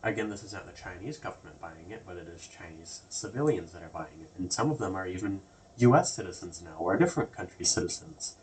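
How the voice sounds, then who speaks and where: A deep-voiced man hosts a casual political commentary vlog, animated and quick, his tone a little mellow, captured from a distance on poor audio. He rambles, repeating words and restarting often, his loose everyday phrasing packed with "like" and "basically".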